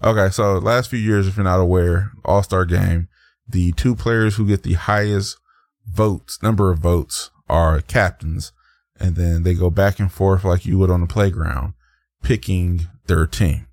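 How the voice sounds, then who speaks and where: Lively low-voiced man chatting. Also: unhurried, dry recording, studio quality. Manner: animated storyteller, slips into mock voices. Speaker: podcast co-host. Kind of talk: casual chat.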